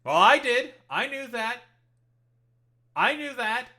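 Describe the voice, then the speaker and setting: A man's voice: very high-pitched, big pitch swings, slow, bright, forceful tone, a little hiss or hum. A man streaming and reacting to clips, talking in a heated, sarcastic, swear-filled rant. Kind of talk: profane rant commentary.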